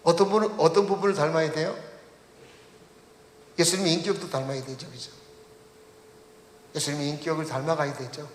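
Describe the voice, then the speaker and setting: A man with a high voice preaches a Sunday sermon in a church sanctuary, often pausing to put questions to the congregation and calling them to read the text aloud together. The sound comes back from the room with a long, roomy reverb. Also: fairly even intonation, slight background noise. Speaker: pastor. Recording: echoey church hall reverb.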